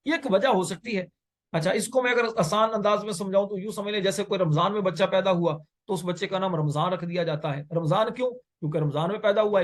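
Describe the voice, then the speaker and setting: A man teaching Arabic grammar in a classroom lecture, explaining patiently, repeating key phrases and asking and answering his own questions. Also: high voice.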